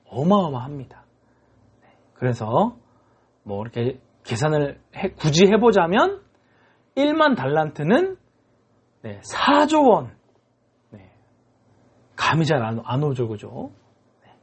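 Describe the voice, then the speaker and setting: A man giving a children's sermon, telling the story in an animated way and constantly checking in with the kids. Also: a little high, takes it slowly, long pauses, husky. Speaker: children's ministry preacher.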